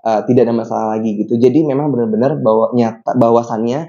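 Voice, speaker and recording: A young man hosts a church podcast in a relaxed, chatty way, telling a story with many fillers. His voice is mellow and dark. The recording sounds dull and lo-fi. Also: medium pitch, fast. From Bali, Indonesia. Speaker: podcast host. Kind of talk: casual chat.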